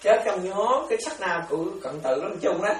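A man, a monk, giving a chatty, animated dharma sermon full of stories and repetitions. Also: high-pitched, brisk. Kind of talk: sermon with storytelling. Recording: echoey, distant mic, faint noise.

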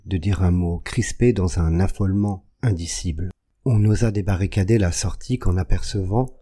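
A man reading a classic short story aloud as an audiobook in a measured, deliberate manner. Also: deep voice, dark tone, slightly rough. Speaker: audiobook reader. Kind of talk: literary audiobook narration.

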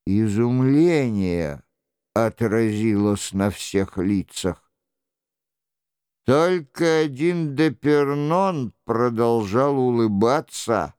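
A man narrating an audiobook in a measured, even reading. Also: mid-range voice, clear, resonant tone, no echo, clean studio sound. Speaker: audiobook reader. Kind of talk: scripted narration.

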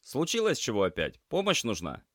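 A brash, teasing young tomcat student, put on by a male narrator. The voice jumps high and swings widely, loud and playful. It sits dry and close to the mic. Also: wildly swooping pitch, a little fast, no room sound. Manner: teasing, boisterous. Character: cheeky young male cat student, joker.

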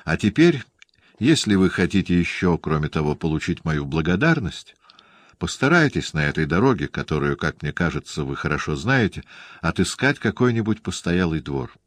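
A man reading the part of a calm, composed nobleman in an audiobook, speaking in a dry, even way. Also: deep voice, moderate pace, no room sound.

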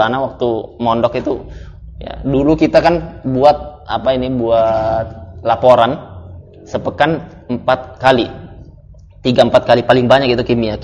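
A man's voice: mid-range voice, a little mellow. A male religious teacher telling chatty stories with laughs during an informal study lesson, in a dull, slightly noisy recording. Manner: chatty storytelling with laughs and asides. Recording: dull lo-fi recording, faint noise.

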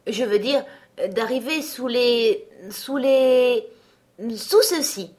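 A woman's voice: on the high side, slow pace, a little mellow, voice pushed up. A woman voicing Alice, a curious, somewhat timid young girl, thinking aloud in a searching, puzzled way.

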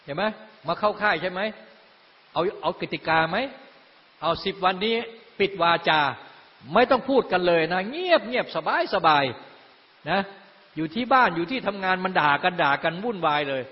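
High-voiced man preaching in an echoing hall. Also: expressive, moderate pace. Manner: conversational preaching with repeated tag questions. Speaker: dharma teacher. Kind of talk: dharma talk to retreat participants. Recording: dull lo-fi sound in a long-reverb hall.

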